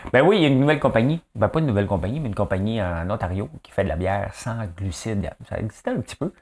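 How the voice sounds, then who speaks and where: A low-voiced Québécois man talks through the daily news in a loose, chatty way. His pitch swings up and down as he jokes and wanders into asides, full of fillers. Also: a little fast. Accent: Québécois French. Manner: chatty and animated, joking asides, many fillers. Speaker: host of a daily news commentary show. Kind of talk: casual news commentary. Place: rural home in the countryside.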